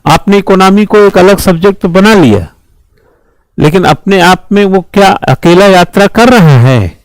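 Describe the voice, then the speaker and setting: Emphatic high-voiced male lecturer. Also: moderate pace, no echo, low-quality recording. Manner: emphatic, rhetorical questions and repeated slogans. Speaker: civil services exam teacher. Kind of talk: classroom lecture.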